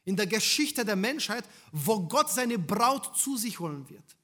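A man preaching a sermon, putting rhetorical questions to the congregation and swinging between loud emphasis and hushed lines. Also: sits high, sing-song, unhurried.

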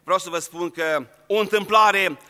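A man's voice: sits high, sharp tone, long reverb tail. A man preaching a sermon, speaking earnestly and straight to his congregation. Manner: earnest, addresses the congregation directly.

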